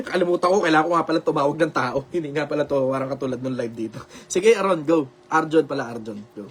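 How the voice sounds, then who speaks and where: A loud Filipino man hosts a live show over a video call, answering viewer questions in a high, slightly rough voice. He talks a little fast with hardly any pauses, giving blunt, repetitive, preachy advice and swearing freely, and he says he's deliberately loud for social media.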